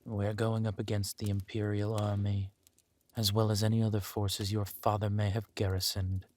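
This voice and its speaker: Stern and protective, a man performs a scripted roleplay audio drama as a menacing, possessive villain warlord and guardian-like lover. His lowish voice stays monotone and darkish, close to an everyday voice, delivered deliberately and commandingly with drops into breathy murmurs.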